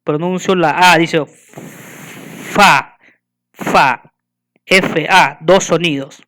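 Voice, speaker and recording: Guy teaching a class, smooth clear voice a bit high, keeps asking you questions. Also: steady tone, fairly bright tone. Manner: patient, asks the listener questions; spells and counts out slowly. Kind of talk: recorded school lesson.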